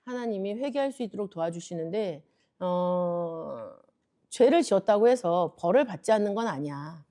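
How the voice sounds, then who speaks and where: A woman preacher gives a gentle children's Bible lesson, speaking as a mother to her child. She asks questions and answers them herself, soft and patient. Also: on the low side, lively intonation, normal speed. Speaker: junior preacher teaching a parents' lesson.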